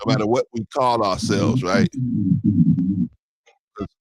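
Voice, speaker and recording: Low-voiced man hosting, dry sound. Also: measured pace, no room sound. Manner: conversational, repeats "right?". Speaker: host. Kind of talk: casual discussion.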